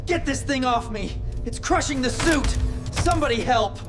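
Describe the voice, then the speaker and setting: A man's voice: very high voice, animated, moderate pace, loud music behind the voice, pitched above the performer's own voice. A man voicing a male astronaut trapped in his suit, frantically calling for help through his spacesuit helmet radio. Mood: desperate.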